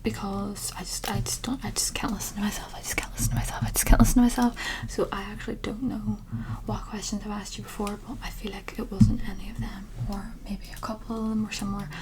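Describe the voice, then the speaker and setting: A woman in a whispered role-play, giving breathy ASMR personal attention close to the mic, with tingly mouth sounds and softly repeated words. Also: medium pitch, level tone, quick pace. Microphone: close-up ASMR microphone.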